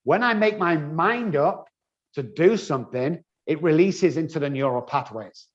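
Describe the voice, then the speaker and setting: Man, higher voice, lively anecdotal storyteller, dull lo-fi audio. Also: moderate pace. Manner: animated anecdotal storyteller, acts out dialogue. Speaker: addiction recovery specialist. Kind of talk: storytelling interview answer.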